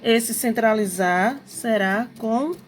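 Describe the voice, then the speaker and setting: A woman's voice: a little high, slow, faint music behind. A woman teacher, patiently explaining a grammar lesson, repeating points and checking that students follow.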